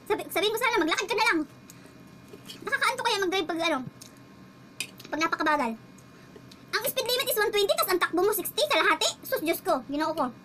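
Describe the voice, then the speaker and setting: A woman's voice: very high-pitched, animated, quick pace, pauses often, background noise. A woman driver telling a casual vlog story, chatty and laughing as she talks. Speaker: household driver and vlogger.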